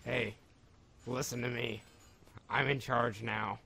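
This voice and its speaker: A man's voice: mid-range voice, fairly even intonation, takes it slowly, vocal fry, pushed and bright, slightly rough. Give me a young man gaming, his voice buzzing like a glitchy robot. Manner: jokey, mock-serious announcer lines. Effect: glitchy buzzing robot-like distortion on his voice. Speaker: gamer playing co-op with a friend. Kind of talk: casual gameplay banter.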